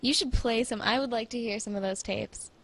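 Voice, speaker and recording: A woman's voice: fairly high pitch, brisk, fairly bright tone, husky. A young woman chatting casually with her father, asking him eager questions. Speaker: daughter of the host. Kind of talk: casual chat.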